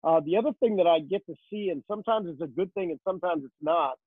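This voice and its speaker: Man, hockey reporter, chatty storyteller, slightly high voice, phone-line sound. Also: quick pace, slightly rough, no room sound. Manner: chatty storyteller, many fillers. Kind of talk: casual interview answers.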